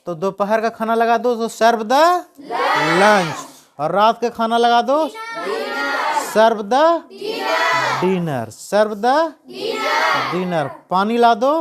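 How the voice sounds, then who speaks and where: A woman teaching spoken English to children with an Indian accent, slowly repeating each English phrase after explaining it in Hindi. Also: on the high side. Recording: loud crowd and noise behind.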